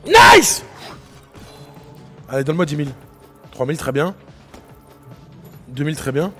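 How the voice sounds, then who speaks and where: A rowdy, excitable man commentating live on his gambling stream, prone to loud repeated exclamations. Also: fairly high pitch, fairly quick, faint music behind. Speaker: casino game livestreamer.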